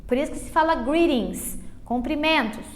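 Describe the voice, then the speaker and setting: A Brazilian woman with a Brazilian Portuguese accent, an English teacher giving a beginners' lesson, explaining slowly and checking in with "ok?" and "tá?" after each point. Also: sits high. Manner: patient, drawn-out explanations full of diminutives and check-ins like "ok?".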